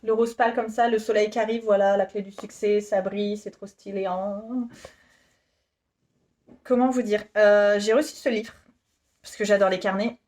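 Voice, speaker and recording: A woman's voice: mid-range voice, steady tone, moderate pace, darkish tone. A woman in her thirties presenting her work in a casual, giggly, self-deprecating vlog chat. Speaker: YouTuber presenting her shop.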